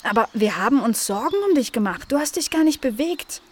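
Friendly sensible doggy girl, bit high, explains stuff, woman reading, storybook. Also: animated, brisk. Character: sensible young female dog with keen nose.

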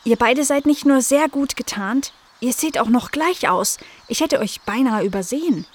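A woman's voice: fairly high pitch, expressive, normal speed, slight background noise, voice pushed up, lightly acted. A woman doing an eager young dog girl. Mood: friendly. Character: friendly young female dog, garden owner.

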